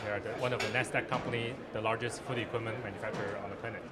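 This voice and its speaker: A man's voice: fairly even intonation, racing, very noisy. A man in his thirties, a startup founder, explaining his product with a handheld mic in a busy conference hall. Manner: explanatory pitch, non-native grammar. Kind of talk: product demo interview. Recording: loud crowd chatter behind.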